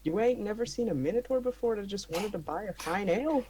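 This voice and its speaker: A woman playing a gruff minotaur patron. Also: medium pitch, expressive, fast talker, mellow, soft background music, lightly acted. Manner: rough, demanding.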